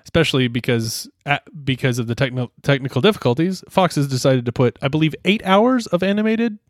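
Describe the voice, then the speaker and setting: A man's voice: medium pitch, lively intonation, a little fast, no room sound, studio quality. A man co-hosting a podcast in casual chat, chiming in with wry quips. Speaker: podcast co-host.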